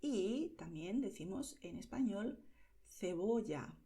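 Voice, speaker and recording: A woman from Spain with a Spain Spanish accent, teaching pronunciation to learners slowly and clearly, often checking in with "¿vale?". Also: mid-range voice, animated, mellow. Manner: slow, clear, over-articulated, checks in with "¿vale?".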